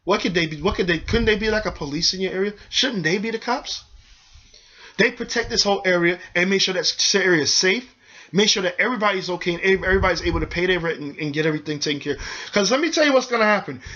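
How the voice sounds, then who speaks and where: Fired up and preachy, this male video host hammers his points again and again, calling out to viewers as "y'all" at a rapid, hard-driving pace. His voice is rather high and tense, pushed and bright, captured in dull lo-fi audio.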